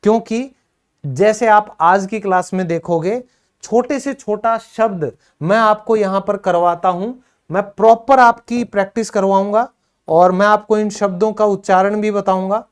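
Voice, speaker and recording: A man's voice: high-pitched, steady tone, unhurried, clean tone. A man teaching an English pronunciation lesson, repeating words emphatically to drill them.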